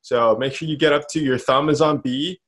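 A man's voice: fairly high pitch, fairly even intonation, brisk, a bit bright. A man teaching a one-on-one instrument lesson, casual and patient, calling out counts and notes with easy encouragement. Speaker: music teacher. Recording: instrument playing behind the voice.

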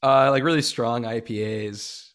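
A man's voice: medium pitch, normal speed. Male guest from eastern Washington, laid-back and rambling, on a video call that keeps breaking up. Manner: relaxed, rambling, many fillers. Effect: video call connection breaking up. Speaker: podcast guest. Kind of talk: casual chat.

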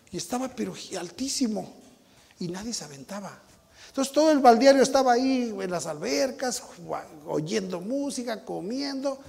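A man with a Mexican Spanish accent preaching a sermon, telling a personal story with sound effects and building to shouted appeals. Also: sits high, long reverb tail.

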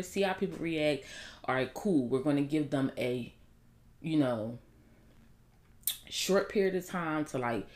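A woman in her thirties with a low, dusky voice. She speaks in a casual, blunt monologue to her viewers, full of slang, and gets animated when she makes a point. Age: 30s. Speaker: vlogger.

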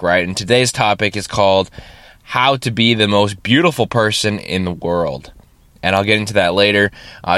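A man's voice: fairly low pitch, a bit bright, no room sound. Stuffy-nosed man hosting a podcast. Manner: rambling, often asks "right?". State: stuffy and nasal from a cold. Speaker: podcast host. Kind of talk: casual solo podcast talk. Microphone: studio podcast microphone.

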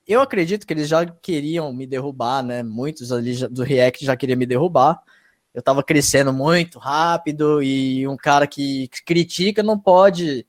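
A man's voice: on the high side, dry recording, studio quality. A man telling his story as a guest in a casual interview, slangy and emphatic, swearing freely and often checking in with his listeners. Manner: emphatic, often asks "tá ligado?". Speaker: guest, YouTube reaction channel host.

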